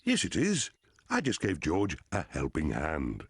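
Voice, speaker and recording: A man's voice: rumbling low, huge pitch swings, unhurried, gravelly, a crowd in the background, exaggerated voice. An actor playing a jolly, good-natured father pig in a cartoon, chuckling and cheerful. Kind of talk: cartoon voice acting. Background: cartoon background music.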